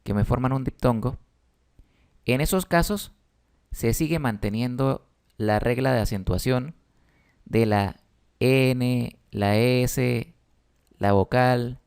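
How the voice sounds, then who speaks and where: A man's voice: medium pitch, darkish tone, clean tone. A man, patiently explaining a spelling lesson with emphatic stresses. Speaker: teacher.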